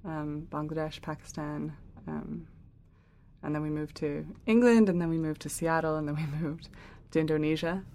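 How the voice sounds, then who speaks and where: Deep, warm and steady, this young woman talks at a moderate pace over slight background noise. She's the founder of a project, answering casual interview questions about how she started it in a chatty way, dotted with fillers and light laughter.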